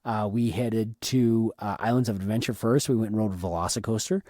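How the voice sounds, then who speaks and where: A man co-hosting a podcast, chatting casually and excitedly about a theme park trip, often repeating words. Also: lowish voice, a little fast, dry recording, studio quality. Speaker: podcast co-host. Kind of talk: casual trip recap chat.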